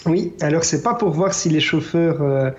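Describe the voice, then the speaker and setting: A man explaining a tech news item in a measured way, with some hesitation. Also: on the high side. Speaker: podcast guest contributor. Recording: dull lo-fi sound.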